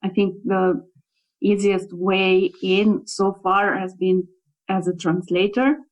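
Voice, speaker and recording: Speaking slowly at a medium pitch with fairly even intonation, a young Italian woman discusses her role as a localization project manager in a relaxed interview. She's a native speaker of Italian, and her considered answers are peppered with fillers and restarts. The recording is rough.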